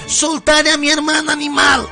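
A man's voice: very high-pitched, completely flat delivery, normal speed, gravelly, voice pushed up. A man voicing a frantic young woman screaming for help for her sister, with music behind. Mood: furious. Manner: screaming, panicked.

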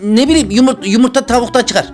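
Fast, excitable woman gaming commentator. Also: on the high side, soft background music. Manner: excitable, exclamatory, talks to herself and viewers. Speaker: gaming YouTuber. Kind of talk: casual gameplay commentary.

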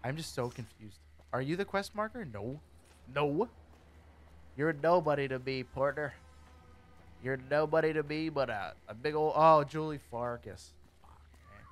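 A man's voice: fairly high pitch, measured pace. A man casually commenting while he plays a game, joking, rambling and talking to the characters. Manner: goofy, rambling, jokey, talks to characters. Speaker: gaming streamer.

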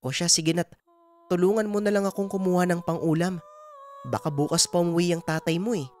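A man voicing a gentle, worried middle-aged village mother who soothes and pleads. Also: high voice, fairly even intonation, a little fast, voice pushed up, natural voice. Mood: soothing.

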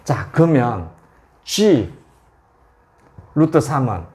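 A man's voice: mid-range voice, sing-song, very slow, darkish tone, slight background noise. A man tutoring calculus at a board, repeating values and checking often that students follow. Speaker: math tutor. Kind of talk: whiteboard calculus lesson.

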